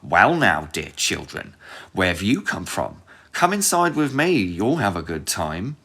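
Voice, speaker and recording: A man voicing a cunning, cruel old witch in a storybook reading, with a shrill, commanding manner. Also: big pitch swings, unhurried, bright, forceful tone, husky, exaggerated voice. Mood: coaxing.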